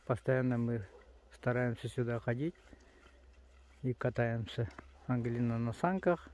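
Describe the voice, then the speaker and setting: A man's voice: mid-range voice, measured pace, a little mellow. A man narrating casually outdoors on a snowy sledding hill, like a father filming his children. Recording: noisy outdoor home video.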